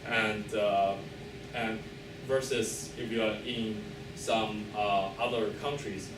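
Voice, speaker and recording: A man with a slightly low voice delivers a thesis defense talk. He is halting and hedging, often pausing to fill gaps as he searches for the next phrase. The recording is roomy and echoing, with clear noise behind him. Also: steady tone. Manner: hesitant, hedging, halting delivery with many filled pauses. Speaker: PhD candidate presenting a thesis defense. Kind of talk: academic presentation, loosely scripted. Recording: echoey room, distant mic, clear background noise.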